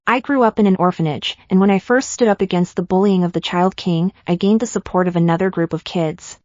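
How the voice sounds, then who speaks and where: A woman with a somewhat low voice tells a dramatic story in the first person, reading it out steadily and evenly. The sound is dull and lo-fi, and very dry, as if close to a plain mic. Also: fairly even intonation, a little fast, darkish tone, no room sound. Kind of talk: scripted first-person narration.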